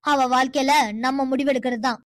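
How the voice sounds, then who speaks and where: A high, quick-talking cartoon mother, as a woman plays her, bossy and scheming, scolding her grown son in a commanding tone. The recording is dry and close. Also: level tone, no echo, close to an everyday voice. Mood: domineering. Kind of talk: cartoon voice acting.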